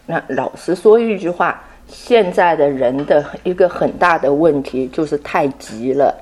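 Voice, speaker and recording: A middle-aged woman teaching a Sunday school class in an unhurried way. She repeats her key phrases, drops in English words and ends her phrases with soft tag particles. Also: low voice.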